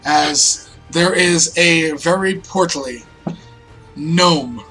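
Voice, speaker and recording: A man running a tabletop game as game master, improvising descriptions in a casual, halting way. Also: fairly high pitch, bright, forceful tone, faint music behind.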